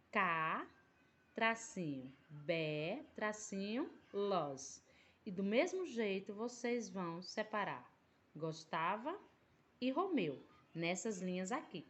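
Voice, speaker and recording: A woman teaching a primary school language lesson, explaining patiently and drawing out syllables, with a Brazilian Portuguese accent. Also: mid-range voice. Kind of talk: recorded remote class lesson.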